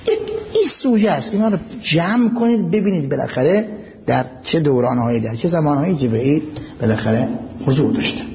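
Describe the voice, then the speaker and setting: A male preacher gives a religious lecture, reciting Arabic passages and explaining each one. His voice sits at a middle pitch but swings widely. The sound carries a long hall reverb and comes through a dull, muffled recording with faint background noise. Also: expressive, darkish tone. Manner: recites Arabic quotes and explains them, asks the audience questions.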